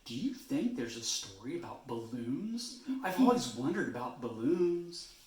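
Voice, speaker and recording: A man's voice: medium pitch, sing-song, a little slow, darkish tone, echoey room, recorded from a distance. A man voicing a hesitant, curious porcupine in a children's storybook, with a doubtful, wondering manner.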